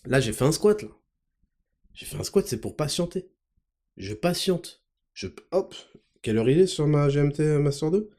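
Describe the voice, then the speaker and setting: A man hosting a podcast in a comedic monologue, teasing and mock-angry with sudden shouts. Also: fairly high pitch, expressive, normal speed, pauses often. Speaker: podcast host.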